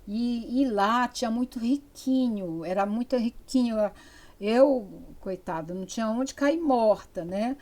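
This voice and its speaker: A woman's voice: a little high, measured pace, darkish tone. An older woman from the interior of Amazonas with a Brazilian Amazonas accent, giving a lecture in a chatty, digressive way full of fillers and restarts. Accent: Amazonas interior Brazilian Portuguese. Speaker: university lecturer. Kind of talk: spoken lecture.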